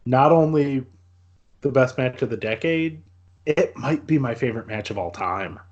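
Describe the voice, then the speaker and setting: A man co-hosting a podcast, talking in a measured, earnest way in casual chat. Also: medium pitch, expressive. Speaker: podcast co-host. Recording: dull lo-fi audio.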